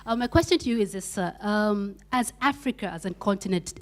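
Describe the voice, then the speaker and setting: A woman's voice: mid-range voice, lively intonation, a little fast. A woman from Zambia in the audience, politely asking a speaker a question with a few hesitations. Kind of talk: question from the floor.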